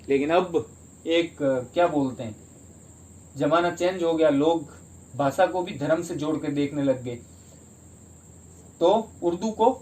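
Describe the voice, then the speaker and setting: A man's voice: on the high side, darkish tone. A man teaching a history lesson for exam prep in Hindi, explaining step by step and asking and answering his own questions.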